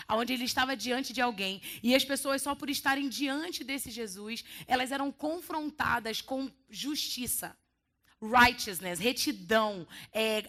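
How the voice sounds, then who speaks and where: A woman with a Brazilian Portuguese accent preaching a sermon in a church, telling stories in a lively way with playful quoted voices. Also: fairly high pitch. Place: church hall.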